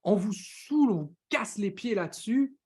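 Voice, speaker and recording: French guy hosting a live coaching stream, talks super fast and hyped, lots of slang. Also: high voice, breathy edge. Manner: fast, excitable, greets viewers by name, slangy.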